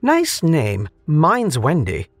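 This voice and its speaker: A man voicing a calm, matter-of-fact young woman who hunts monsters. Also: fairly high pitch, very slow, dry recording, faint music behind, voice pushed up, heavily acted. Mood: cool.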